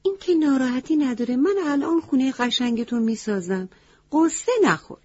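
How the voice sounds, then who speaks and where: Woman doing a quick, high-pitched helpful crow. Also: animated, darkish tone, slightly rough, dull audio. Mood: reassuring. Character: eager helpful male crow.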